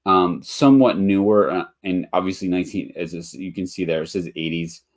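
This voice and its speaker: A man with a bass voice and darkish tone hosts a live webinar as a motel investor. He rambles casually with many ums and restarts, his speech a little nasal and congested due to allergies.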